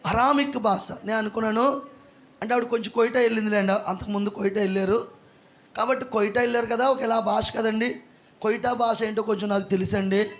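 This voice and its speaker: A man preaching a revival sermon, often shouting praise calls to the congregation and acting out the people in his stories. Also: sits high, fairly even intonation, a little fast. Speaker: pastor.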